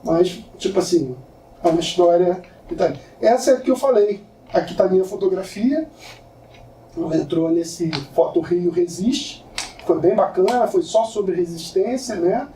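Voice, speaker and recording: A man tells stories in an informal lecture, casual and slangy as he speaks to the room. His voice is mellow and sits back from the microphone. The lecture room rings with echo, and faint ambient noise sits underneath. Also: sits high, normal speed. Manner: casual, slangy, animated storytelling to an audience. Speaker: lecturer and photographer. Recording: echoey room from far off.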